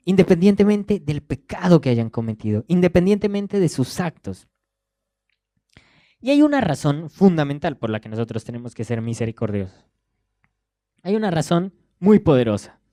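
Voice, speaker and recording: Lively young Argentine man preaching. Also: on the high side, no echo, studio quality. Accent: Rioplatense Spanish. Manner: conversational, repeats words as he searches. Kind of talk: sermon.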